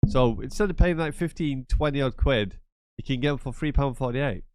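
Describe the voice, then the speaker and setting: Here a gaming channel host, nasal and blocked up from a cold, walks viewers through a casual screen-share tutorial. He's chatty, repetitive, and prone to rambling asides, speaking at medium pitch and moderate pace in a slightly mellow voice with no echo.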